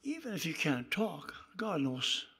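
A man's voice: on the high side, big pitch swings, measured pace, pushed and bright, slightly rough, voice pushed down, exaggerated voice. A man quoting a newly converted woman who tells her story earnestly and emotionally.

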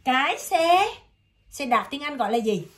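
This woman has a high, very animated voice and a Southern Vietnamese accent. Working one-on-one, she patiently teaches English vocabulary, dragging out words slowly and repeating them.

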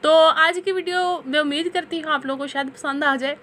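A woman's voice: high-pitched, steady tone, a little fast, sharp tone, a little hiss or hum. A woman in her thirties from Pakistan, a mother narrating a family vlog in a chatty voice-over, amused and teasing, often breaking into laughter.

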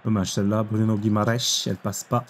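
A young man commenting on his own football video game match, excitable, exclaiming and groaning at each play. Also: on the low side, brisk, a little hiss or hum. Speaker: gaming YouTuber. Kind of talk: live gameplay commentary.

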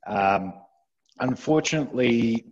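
A man in his thirties, a recruitment manager, speaking from a small office on a video call in a measured, explanatory way. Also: medium pitch, lively intonation, a little mellow, highs cut off. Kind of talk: webinar panel discussion.

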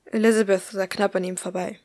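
A woman reading a story aloud as an audiobook in a calm, even manner. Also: medium pitch, fairly quick, no room sound, clean studio sound. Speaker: audiobook reader. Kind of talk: scripted narration of fan fiction.

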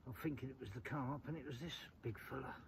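Speaking fast in a medium-pitched voice, a middle-aged man chats informally to camera at a lake, at night and again at dawn, as an angler vlogger, with a habit of repeating small phrases. A clip-on lapel mic picks him up in a lo-fi outdoor recording where background noise is clearly heard.

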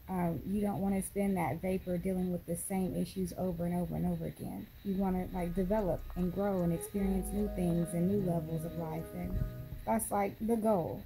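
A woman's voice: lowish voice, creaky, rough recording. A young American woman rambling casually to her vlog, talking with a sore, swollen jaw. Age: young adult. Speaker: vlogger. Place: at home and in a parked car. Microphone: phone at arm's length. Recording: music playing behind the voice.

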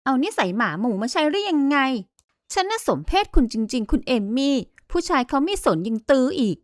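Cutting, defiant young woman, read by a woman, high-ish voice, dry sound. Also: big pitch swings, fairly quick, dry recording. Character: bold, sharp-tongued young woman who fights back.

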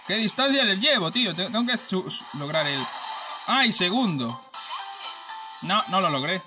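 A man with a Spain Spanish accent giving excitable, profane let's play commentary, joking and trash-talking rival racers. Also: high voice, normal speed. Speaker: gaming channel host. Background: racing game music and sounds.

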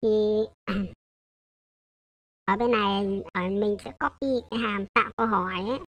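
Mid-range and fairly bright, her voice moves at normal speed with fairly even intonation. She's giving a casual coding tutorial, speaking loosely and with hesitation, correcting herself and checking in with listeners throughout.

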